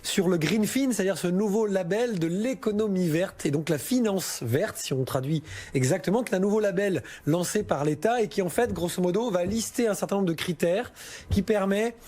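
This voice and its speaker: A man's voice: high-pitched, moderate pace, a little mellow. A man working as a financial adviser, explaining investments on a listener question show in a chatty, informal way with frequent hesitations.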